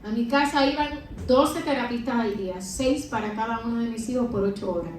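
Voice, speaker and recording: A middle-aged woman speaks to a congregation in a fairly high voice. She gives her testimony with emphasis and keeps pulling the audience in with rhetorical questions. She sounds distant from the mic in a heavily reverberant hall with a faint hum underneath. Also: a little fast. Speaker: church speaker and mother giving testimony. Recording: very echoey hall, mic far off.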